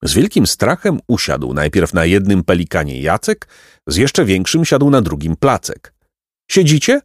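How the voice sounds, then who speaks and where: A man narrating a children's storybook in an expressive, lyrical reading. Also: sits low, moderate pace, dry recording, studio quality. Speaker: audiobook narrator.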